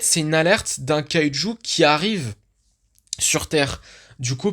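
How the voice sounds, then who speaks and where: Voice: medium pitch, a bit bright. A YouTube host giving casual commentary on a film teaser. The host talks like an enthusiastic fan who thinks aloud, with many restarts and fillers.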